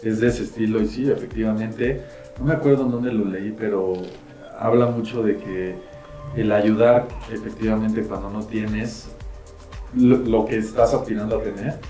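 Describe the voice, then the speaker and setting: A man's voice: on the low side, steady tone, normal speed, warm tone, echoey room, faint music behind, rough recording. A man, hosting a podcast and asking long, rambling questions. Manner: rambling, filler-heavy questions. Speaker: podcast host. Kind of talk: casual interview talk.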